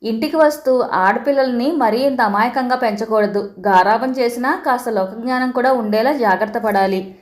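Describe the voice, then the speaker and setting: Woman voicing caring mother, affectionate scolding, raised pitch, storybook. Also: moderate pace, close to an everyday voice. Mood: kindly scolding. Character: caring older mother, kindly scolding and sensible.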